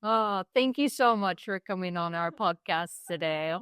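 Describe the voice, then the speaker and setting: A woman's voice: fairly low pitch, a little slow, fairly bright tone, clean tone, no room sound, clean studio sound. A woman co-hosting a podcast in casual chat, friendly in manner. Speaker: podcast co-host.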